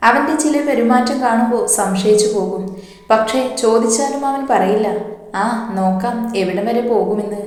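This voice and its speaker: A woman's voice: on the high side, normal speed, darkish tone, natural voice. A woman voicing a playful, affectionate young husband in a romantic audio story. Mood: teasing. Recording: heavy echo, long reverb.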